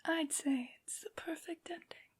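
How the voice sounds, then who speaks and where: A woman voicing a haughty, vengeful aristocratic vampire lady in an ASMR roleplay, in a breathy whisper with taunting, mockingly sweet phrasing. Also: extremely high pitch, normal speed. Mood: menacing, taunting.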